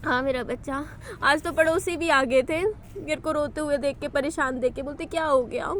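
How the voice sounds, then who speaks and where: A woman's voice: high voice, fairly even intonation, normal speed, fairly bright tone, slight background noise. A young woman vlogging outdoors in a park, talking in a tearful, confiding and distressed way. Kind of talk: emotional personal vlog.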